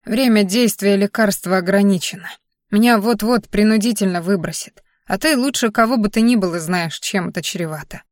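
A gruff but caring old grandfather figure, read out by a woman narrator, brisk and grumbling as he reassures. Her voice stays at a middling pitch with a dry, close sound, and the old man shows through the words more than through any change of voice. This is audiobook storytelling. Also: dry recording, lightly acted. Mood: gruffly reassuring. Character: elderly male father-in-law, gruff but caring.

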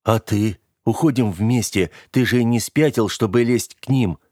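A man's voice: medium pitch, measured pace, dark tone, no echo, studio quality, natural voice. A man voicing a young man who protests and pleads with his friend not to stay behind. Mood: alarmed pleading. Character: young man, alarmed pleading narrator-hero.

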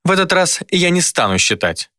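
A man's voice: high voice, very animated, sharp tone, no room sound, studio quality, pitched above the performer's own voice, heavily acted. A man voicing a cruel, mocking female demon who taunts coldly. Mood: taunting. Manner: sneering, cold, unhurried taunts.

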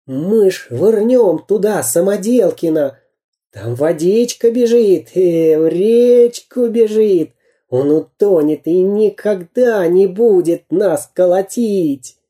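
Man doing a sly storybook spy, spiteful, high and shrill. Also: animated, takes it slowly, dark tone, husky, heavily acted. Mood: gloating. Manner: shrill, egging others on.

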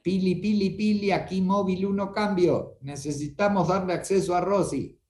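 A man's voice: high voice, steady tone, normal speed, darkish tone. A man who teaches a sales course, jokingly calling someone on a video call as if over a police radio. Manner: joking, teasing. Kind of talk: playful walkie-talkie call, mock police radio. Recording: roomy echo.

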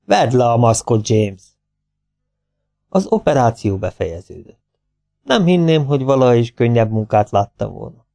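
A man voicing an excitable, commanding male veterinarian who barks impatient orders. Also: medium pitch, creaky, long pauses. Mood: pleased.

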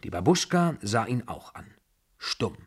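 A male audiobook reader with a husky, mid-range voice narrates a first-person story in a measured, even manner.

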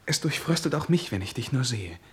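An actor playing a brooding, lonely young lieutenant in a 1950s German radio play, speaking earnestly and with feeling. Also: male voice, medium pitch, big pitch swings, fairly quick, slightly rough. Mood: devoted. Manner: earnest, emotional, at times softly murmured. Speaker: lead character and first-person narrator.

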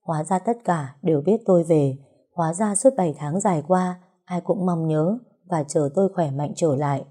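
Woman reading a story out loud, really dark mellow tone, does everyone's lines too. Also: fairly low pitch, moderate pace. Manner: reads every character's lines herself, lively in dialogue. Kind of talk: first-person audiobook narration.

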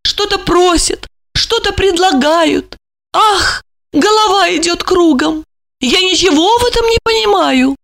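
A woman's voice: very high voice, lively intonation, measured pace, vocal fry, fairly bright tone, pitched above the performer's own voice, full character voice. A woman voicing a rich widowed woman who is theatrical and self-pitying, talking in an affected way with sighs and exclamations. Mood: plaintive.

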